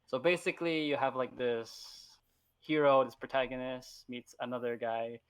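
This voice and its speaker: A man's voice: mid-range voice, steady tone, normal speed, clear, resonant tone. A man co-hosting a casual podcast chat, talking enthusiastically about favorite games and often restarting his sentences. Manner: enthusiastic, rambling with restarts and laughs. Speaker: podcast co-host.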